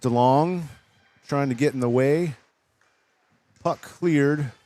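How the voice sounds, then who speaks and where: A man calling a hockey game live, play-by-play in a brisk, steady voice of middling pitch. He climbs higher and louder when a shot comes in, and a faint hum sits behind him. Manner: brisk, rises in pitch on big plays. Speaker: play-by-play commentator.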